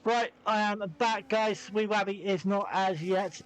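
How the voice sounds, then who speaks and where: A man's voice: sits high, fairly even intonation, measured pace, smooth. A man doing chatty live sim racing commentary, bantering and laughing with his co-commentator. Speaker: race commentator.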